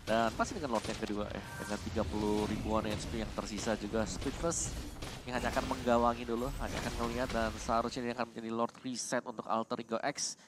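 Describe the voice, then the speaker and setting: A man's voice: mid-range voice, little pitch movement, fast, background noise. A man with an Indonesian accent giving analytical live esports commentary, mixing in English gaming jargon. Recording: music playing behind the voice.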